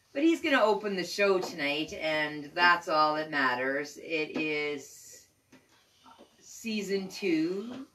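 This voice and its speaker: A woman co-hosts a casual show, chatty and quick to laugh. Her voice sits on the low side. She sounds a bit distant from the mic, with faint noise behind. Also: pushed and bright. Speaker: co-host. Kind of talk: casual chat.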